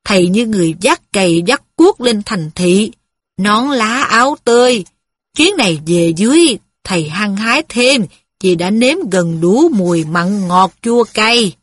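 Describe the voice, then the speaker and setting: A man's voice: high voice, expressive, measured pace, fairly bright tone, no room sound, studio quality, exaggerated voice. A woman voicing a folksy middle-aged workman. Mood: reminiscing. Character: kindly aging male worker, plain-spoken.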